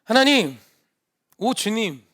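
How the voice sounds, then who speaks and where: A preacher voicing a reluctant, pleading Moses. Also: male voice, sits high, sing-song, slow, a bit bright, full character voice. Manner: pleading, deferential.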